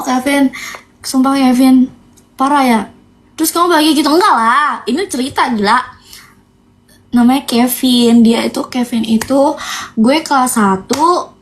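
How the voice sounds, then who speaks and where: High-voiced young woman telling stories. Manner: animated, emphatic, keeps asking viewers. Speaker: livestreamer. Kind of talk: casual storytelling on a live stream.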